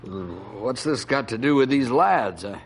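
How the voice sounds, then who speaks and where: An actor playing a stubborn small-town sheriff in an old radio show, gruff and a little hesitant when corrected. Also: male voice, medium pitch, expressive, unhurried. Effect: old radio show broadcast. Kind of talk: 1950s radio drama acting. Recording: faint hiss of an old radio recording.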